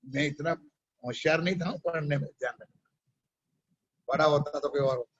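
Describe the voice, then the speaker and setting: Male preacher, high voice, unhurried, quizzing listeners, dull lo-fi recording. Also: breathy edge. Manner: questions the audience often. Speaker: religious preacher. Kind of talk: sermon with a parable.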